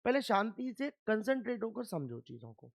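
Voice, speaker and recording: A man's voice: sits high, big pitch swings, normal speed, vocal fry, no room sound. Dry, drilling male chemistry teacher. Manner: quizzes the viewer with repeated questions and answers them himself; firm, scolding reminders to pay attention. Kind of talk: classroom lecture.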